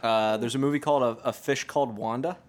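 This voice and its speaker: A man's voice: medium pitch, steady tone, fast. A man co-hosting a podcast in casual chat, swearing offhandedly and steering the questions. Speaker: podcast co-host.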